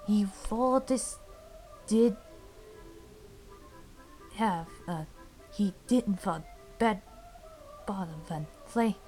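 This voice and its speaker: A woman retelling a fairy tale in a halting, meandering way, often restarting her sentences. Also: medium pitch, expressive, dark tone, soft background music. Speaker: storyteller.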